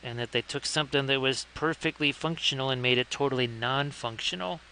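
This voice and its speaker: A live-stream host painting miniatures chats casually with his audience, dropping wry asides and thanking viewers as he goes. His voice is bright and forward, middling in pitch and fairly quick, with a faint room hum in the background.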